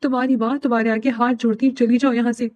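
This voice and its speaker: A woman's voice: on the high side, flat delivery, a little mellow, dry recording, close to an everyday voice. A woman voicing a middle-aged mother who urgently begs her daughter to flee. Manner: urgent, pleading.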